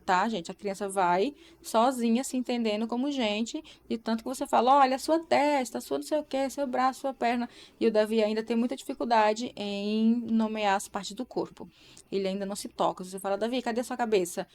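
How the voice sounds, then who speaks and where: A woman's voice: a little high, a little mellow. A young woman in casual live-stream chat, talking to viewers and checking in with tag questions.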